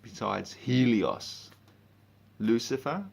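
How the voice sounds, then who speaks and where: A man in a drunken, rambling, sweary rant, speaking informally and haltingly, with emphatic bursts and muttered asides. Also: mid-range voice, animated, creaky, breathy edge. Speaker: monologue speaker.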